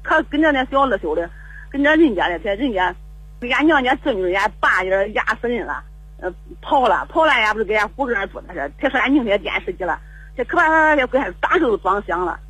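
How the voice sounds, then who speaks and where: An older woman phones in to a radio show and speaks fast and very animatedly, her fairly high, fairly bright voice carrying a breathy edge. The call sounds rough, and her long story rambles, repeats, and stalls in stammering restarts.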